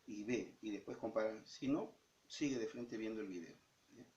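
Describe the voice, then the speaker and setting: A man's voice: fairly low pitch, moderate pace, darkish tone, a little hiss or hum. A male teacher explaining exercises step by step, often checking in with the student. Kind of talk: recorded lesson explaining exercises. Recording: dull lo-fi sound.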